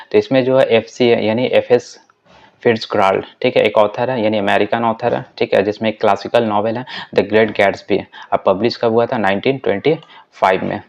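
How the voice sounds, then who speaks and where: Low flat-voiced man teaching exam prep. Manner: asks and answers his own questions; slowly reads English quiz items aloud. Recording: dull lo-fi audio.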